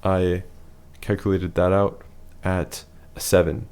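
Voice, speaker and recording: Male presenter with a deep, hoarse voice, for a plain analytical voice-over. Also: little pitch movement, slow pace, darkish tone. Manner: matter-of-fact, rating things one by one. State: losing his voice.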